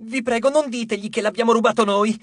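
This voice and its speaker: A man voicing a small, mischievous dwarf with a squeaky, shrill, whining voice. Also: steady tone, fast talker, no echo, clean studio sound. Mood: pleading.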